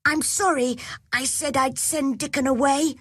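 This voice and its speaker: A woman's voice: a little slow, no room sound, studio quality. A woman voicing a sickly, anxious, spoiled young boy in a storybook reading. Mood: sulky. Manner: high, pleading and excitable.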